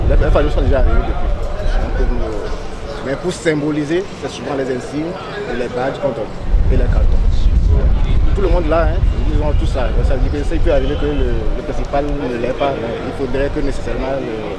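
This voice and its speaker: A man's voice: medium pitch, fairly quick. A man, a football federation official, answering interview questions with frequent fillers and repeated words. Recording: outdoor interview with loud crowd. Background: loud crowd chatter.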